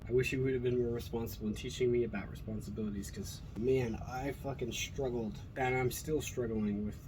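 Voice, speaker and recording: A middle-aged man from Colorado, USA, with an American accent talks fairly quickly in a mid-range voice with fairly even intonation. His casual, rambling monologue is earnest and blunt, with free swearing, and the recording has noticeable background noise.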